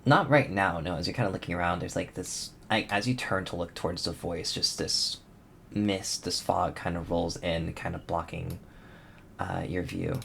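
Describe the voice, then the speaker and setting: Male game master, very low gravelly voice, hesitant casual narration. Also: steady tone, normal speed, a bit bright, slight background noise. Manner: hesitant, many ums, casual descriptive narration.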